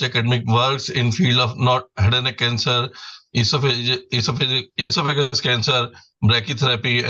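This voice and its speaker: Indian-accented man, sharp bright voice, polite halting webinar host, dull compressed call audio. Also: mid-range voice. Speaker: webinar host introducing speaker. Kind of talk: formal introduction. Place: online video call.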